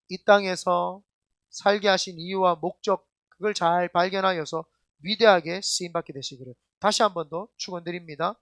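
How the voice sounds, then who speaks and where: A man's voice: high-pitched, fairly bright tone, no room sound. A male senior pastor preaching a sermon in an emphatic, colloquial storytelling way, often putting questions straight to the congregation. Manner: addresses the congregation directly with questions.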